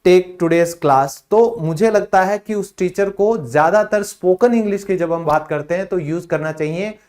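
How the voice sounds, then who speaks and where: In this spoken English lesson, a man with a high, darkish voice and an Indian accent does his explaining in Hindi, his native language. He pronounces short English phrases slowly for learners.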